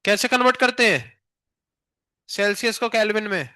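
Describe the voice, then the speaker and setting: A man's voice: sits high, fairly even intonation, moderate pace, sharp tone, smooth, no echo, clean studio sound. A male physics teacher in a classroom, firing questions at students and teasing them, with an Indian accent in his English.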